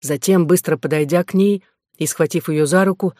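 A narrator reading a classic novel aloud in a measured, solemn way. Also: mid-range voice, steady tone, a little mellow, no echo, clean studio sound.

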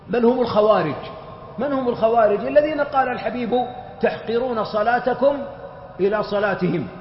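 Male religious teacher, very high voice, explanatory lecture, recorded muffled in a long-echo hall. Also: a little hiss or hum. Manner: explanatory, with lively everyday examples.

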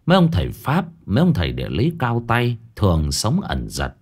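Animated male ghost story narrator. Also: fairly low pitch, fairly quick, slightly rough.

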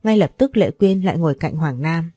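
A woman narrating a scripted first-person story in a steady, even manner. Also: low-pitched, fairly quick, husky, no room sound, studio quality.

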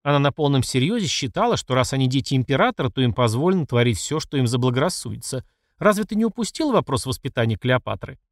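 A man's voice: medium pitch, sing-song, fast talker, no echo, studio quality. A man voicing a furious middle-aged emperor who scolds and accuses his mother. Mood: angry. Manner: angry and accusing.

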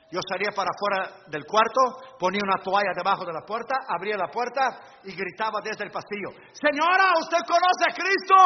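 A middle-aged man preaching a sermon as pastor, emphatic, with sudden loud bursts and hushed asides. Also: high-pitched, husky. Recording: dull lo-fi recording with long hall reverb.

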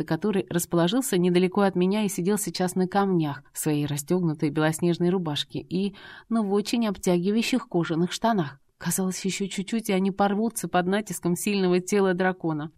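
A woman narrating a first-person fantasy romance, expressive, wry and indignant. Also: fairly low pitch. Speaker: audiobook narrator.

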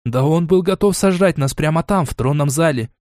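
A man voicing an excitable young noble girl in an audiobook, talking in quick exclamations. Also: fairly high pitch, dry recording, studio quality, pitched above the performer's own voice, lightly acted. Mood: excited. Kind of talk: audiobook character voice.

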